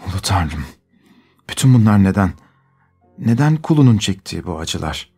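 A man's voice: mid-range voice, normal speed, darkish tone, soft background music, lightly acted. A man voicing a sick noblewoman, bitter and pleading. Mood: despairing.

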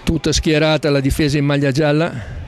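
A man giving live, excited and breathless goal commentary as a football commentator. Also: on the high side, brisk. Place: outdoors in a football stand. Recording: crowd noise in outdoor stadium. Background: football crowd.

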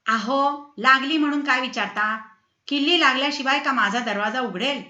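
A woman voicing an irate, shouting bare-chested male neighbour in a storybook reading. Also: very high voice, moderate pace, reverberant, lo-fi sound, exaggerated voice. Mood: indignant. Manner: shouting, indignant.

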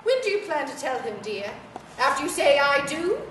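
A woman's voice: sits high, big pitch swings, moderate pace, fairly bright tone. A woman voicing a prim, witty talking stuffed toy bear that chides her and calls her "dear". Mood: teasing. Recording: echoey, distant, noisy room.

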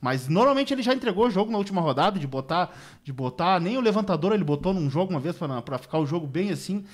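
A man's voice: sits high, animated. A man from Rio do Sul, giving his opinion on a radio sports show in long run-on sentences. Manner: rapid opinionated talk, piling up clauses. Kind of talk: casual studio discussion. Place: radio studio.

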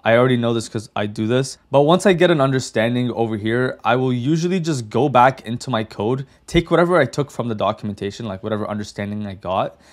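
A man's voice: medium pitch, lively intonation, fast talker, few pauses. A young man hosting a casual coding tutorial, chatty and direct, often saying "like" and "okay". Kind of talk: casual screen-share tutorial.

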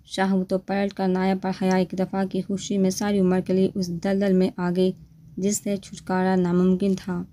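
A woman's voice: mid-range voice, monotone, warm tone, slight background noise. A woman narrating a romance novel aloud, lifting her voice for the characters' dialogue. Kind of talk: scripted novel reading.

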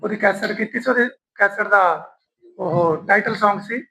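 A Punjabi lyricist with a strained throat, speaking at an honour ceremony and singing his own songs slowly between remarks. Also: high-pitched, vocal fry, bright, forceful tone, poor audio. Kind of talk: speech with sung verses at an honour ceremony.

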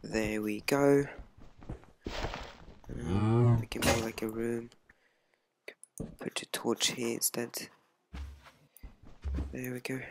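This young gamer from Sweden speaks with a Swedish accent, his medium-pitched voice steady, slow, and touched with vocal fry. He pauses often and fills his casual let's play commentary with ums, rambling hesitantly over background music and some noise.

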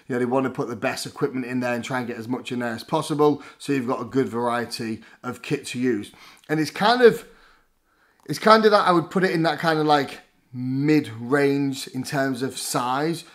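A man in his thirties from England, a fitness vlogger talking casually and enthusiastically to camera from his living room, with frequent fillers. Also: mid-range voice. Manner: enthusiastic, chatty, lots of fillers like "like" and "basically". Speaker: fitness vlogger reviewing gyms. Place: living room at home, indoors.

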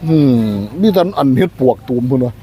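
A man's voice: mid-range voice, lively intonation, brisk. A man with an Isan northeastern Thai accent giving a casual market tour, hyping cheap prices and repeating phrases to viewers. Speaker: market vlogger. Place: outdoor roadside market. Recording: noisy outdoor market with passing vehicles.

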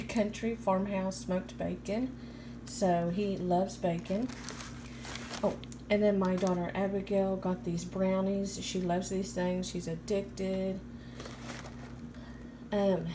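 An American woman in her thirties narrating a haul in a chatty, informal way, as a vlogger on a handheld phone. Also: mid-range voice. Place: home kitchen, indoors. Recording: clear background room noise.

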